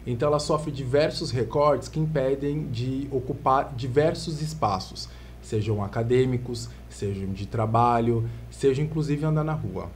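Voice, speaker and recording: A man from Santos with a Brazilian Portuguese accent, a lawyer explaining his field in calm, measured terms as a podcast guest. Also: medium pitch, a little hiss or hum. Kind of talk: podcast interview. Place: podcast studio.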